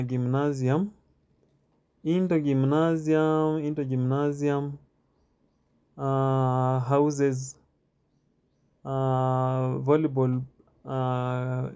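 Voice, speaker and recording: Filmed on a handheld phone, a male guide walks visitors around a stadium outdoors, stumbling along with lots of fillers, pauses, and repeated words. He has a fairly high, mellow, smooth voice.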